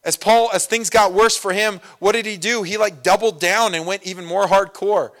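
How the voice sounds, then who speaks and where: A man delivering a sermon in a slightly high voice, talking like he's chatting with friends. He swings between punchy, emphatic lines and quiet, offhand stories, full of little asides and fillers. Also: steady tone, moderate pace. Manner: conversational preaching, many fillers and asides; swings from loud emphasis to soft storytelling. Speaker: pastor.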